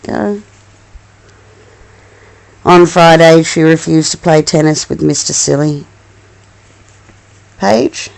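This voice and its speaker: A woman, reading as a mother to her young child, delivers a storybook with affection and expression, plus coaxing asides. Her low, creaky voice moves slowly and she pauses frequently.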